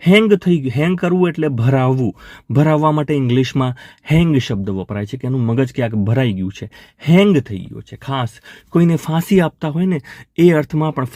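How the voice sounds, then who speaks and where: A man's voice: mid-range voice, a little mellow, no echo, studio quality. A man teaching English vocabulary to Gujarati speakers, patiently repeating each word and counting down for his learners.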